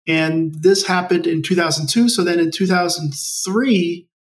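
Sitting far from the mic, a nonprofit project leader in his forties from Maryland, United States, recounts his personal story to an interviewer. His voice is high-pitched with fairly even intonation, and he talks at a normal speed.

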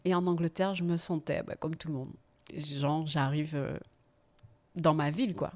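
A woman guest on a podcast, telling her life story in a casual, lively way and often laughing. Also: low-pitched, normal speed. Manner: lively, laughing, animated when telling anecdotes.

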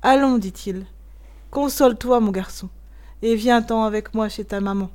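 A woman voicing a big kindly working man who speaks softly and hesitantly. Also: fairly high pitch, moderate pace, natural voice. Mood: gentle. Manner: soft, hesitant.

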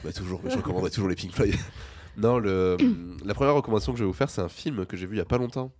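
A radio host with a very deep voice talks in a relaxed, slangy way and laughs easily. The sound is dry and close to the mic. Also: male voice, very fast, no echo. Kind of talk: casual radio chat.

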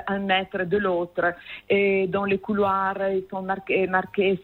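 A woman with an Italian accent, a teacher giving a phone interview, explaining carefully with many hesitations. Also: on the low side. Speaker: guest, language teacher. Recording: tinny phone line.

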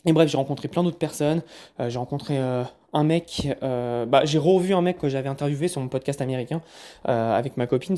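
A man's voice: medium pitch, mellow. A man from France recapping events in a casual vlog, chatty, often stumbling and repeating words. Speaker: vlogger.

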